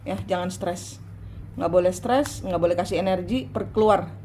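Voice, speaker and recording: Lowish woman doing a tarot reading, slow and repetitive, bit of hiss behind. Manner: slow, coaching, repeating instructions. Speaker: tarot reader.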